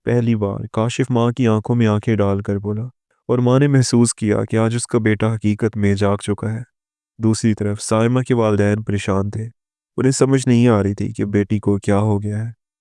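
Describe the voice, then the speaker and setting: A man narrating a scripted moral story in a steady, even delivery. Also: lowish voice, dry recording, studio quality.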